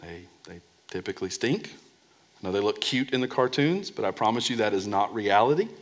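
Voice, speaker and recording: A man preaching a sermon as a pastor, pressing points and dropping to a soft low voice on key words, often repeating words as he restarts. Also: expressive, brisk.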